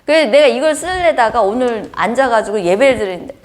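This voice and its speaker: A woman preaching a sermon, telling stories in an animated way with frequent laughter. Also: on the high side, a little fast.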